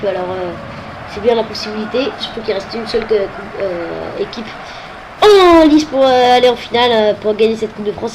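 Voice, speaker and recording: Over background noise, a medium-pitched woman suffering from a head cold talks through a football video game. She sounds hesitant, and filler sounds crowd her commentary.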